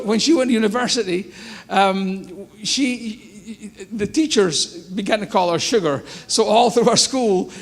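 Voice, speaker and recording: A Scottish man, a missionary guest speaker, giving a joking, exclamatory church talk. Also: high voice. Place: church sanctuary.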